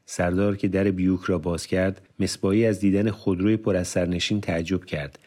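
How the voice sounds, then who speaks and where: Deep-voiced male audiobook narrator. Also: little pitch movement, dark tone. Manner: measured, formal storytelling. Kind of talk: scripted literary narration.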